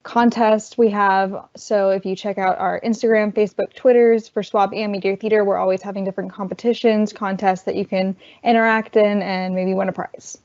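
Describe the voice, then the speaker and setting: A woman student worker giving a virtual orientation presentation, chatty and losing her voice, clearing her throat. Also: mid-range voice, fairly even intonation, moderate pace, hardly any pauses, darkish tone. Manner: chatty, explains while cueing slides. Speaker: student worker presenting campus film events. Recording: dull lo-fi online call audio.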